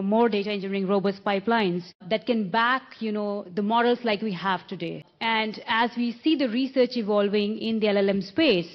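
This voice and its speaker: Woman panelist, technical talk, steady mid pitch, muffled conference recording. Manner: technical, listing points at length.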